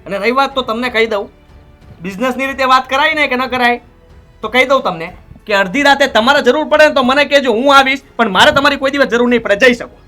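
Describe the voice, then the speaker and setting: A fast, fiery young hothead. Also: male voice, extremely high pitch, pushed and bright, soft background music. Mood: dismissive. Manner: curt, defiant, dismissive. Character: hot-headed young businessman, stubborn and quarrelsome. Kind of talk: film drama acting.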